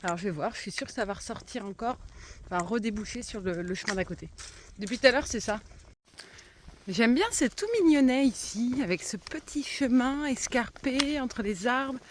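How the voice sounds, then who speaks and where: A woman's voice: a little high, normal speed. Lisping woman vlogging on a noisy walk. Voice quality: slight lisp. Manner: musing aloud to herself and viewers. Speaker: hiker vlogging her walk. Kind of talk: casual spoken vlog while walking. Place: outdoors on a country trail. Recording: clear background noise, outdoor walk.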